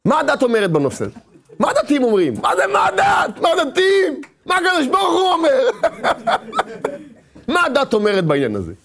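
Scoffing secular mocker, loud and exasperated, high voice swinging wide, put on by a male teacher. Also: huge pitch swings, exaggerated voice. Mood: mocking. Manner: mocking, exasperated, shouting. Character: scoffing secular man mocking a believer.

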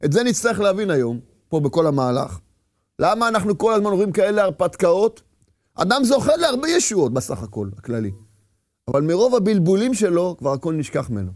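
A man's voice: high-pitched, big pitch swings, a little mellow, no echo, studio quality. A man giving a Torah lecture with passion, firing rhetorical questions and acting out inner voices. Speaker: religious teacher.

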